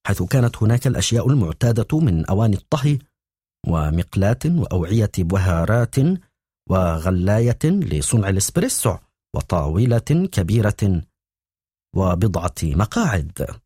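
Male audiobook narrator with a dark, husky tone. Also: on the low side, big pitch swings, moderate pace, dry recording, studio quality. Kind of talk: scripted narration.

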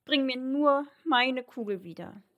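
A woman reading as a spoiled young princess from a storybook, her voice lifted and whiny as she pleads. She speaks slowly and plainly. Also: sits high, animated, narrow, tinny audio, voice pushed up. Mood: pleading.

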